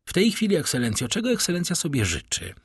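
A man's voice: a little high, huge pitch swings, fast, slightly rough, dry recording, clean studio sound, voice pushed up, full character voice. A man voicing a mock-polite, fawning male bandit jailer who talks in a sugary, teasing way.

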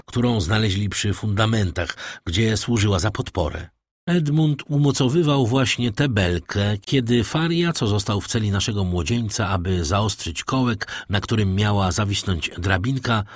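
A man reading a classic novel as an audiobook narrator, in a measured, even literary manner. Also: on the low side, slightly rough, no echo, studio quality.

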